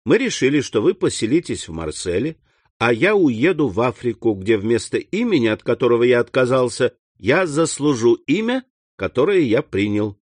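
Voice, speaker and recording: A man's voice: mid-range voice, very animated, normal speed, no echo. A man reading the part of an earnest young man who speaks fervently to his mother in an audiobook. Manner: fervent, eager, raising his voice on key words. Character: earnest young man, devoted proud son.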